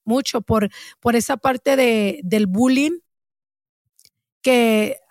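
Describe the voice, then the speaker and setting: Gravelly high-voiced woman host, dry sound. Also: extremely slow, a little mellow, dry recording. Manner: emotional, code-switches into English, swears. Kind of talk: casual podcast conversation.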